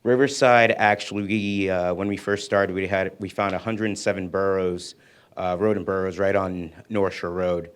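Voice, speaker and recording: Very deep, flat-voiced man explaining. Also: moderate pace, clear, resonant tone. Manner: casual, filler-heavy explaining. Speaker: city official presenting at a community meeting. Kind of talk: informal presentation.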